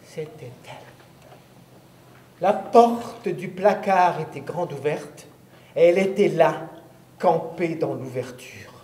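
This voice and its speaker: A man's voice: on the high side, slow pace, pauses often, darkish tone, roomy sound. A man narrating an acted audio story in the first person, telling it in a hesitant, flustered way.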